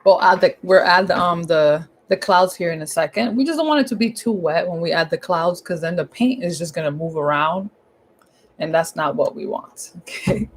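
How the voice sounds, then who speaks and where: Speaking on the low side at a moderate pace, a woman with a hoarse, husky voice talks through a painting tutorial at home step by step. She is casual and chatty, repeating her instructions in informal language, and there is slight background noise.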